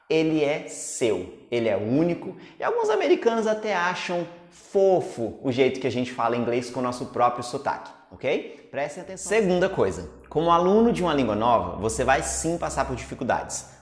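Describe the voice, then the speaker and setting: A teacher from Brazil talks viewers through a video lesson with an upbeat, chatty Brazilian Portuguese accent. The voice sits at a middle pitch. The room gives the voice a noticeable echo. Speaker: English pronunciation teacher.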